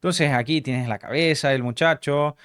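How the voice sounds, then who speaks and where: Earnest guy coaching at a drawing board, voice a bit high, keeps asking "ok?". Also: moderate pace, a bit bright, clean tone. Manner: earnest, keeps checking understanding with short tag questions; repeats key phrases for emphasis. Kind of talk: teaching talk explained at a drawing board. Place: indoors, drawing as he explains.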